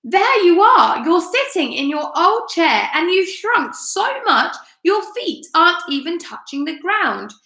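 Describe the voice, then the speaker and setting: Woman reading as a loud, gloating storybook husband. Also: very high voice, sing-song, measured pace, hardly any pauses, pitched above the performer's own voice, exaggerated voice. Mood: gloating, shouting. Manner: loud, taunting, exclamatory. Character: gloating, mean old husband shouting at his wife. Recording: echoey room.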